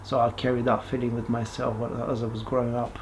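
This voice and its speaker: A man, giving a halting, reflective personal testimony with many pauses and restarts. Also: medium pitch, monotone, slight background noise. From Bulgaria. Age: 40s. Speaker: person sharing his life story.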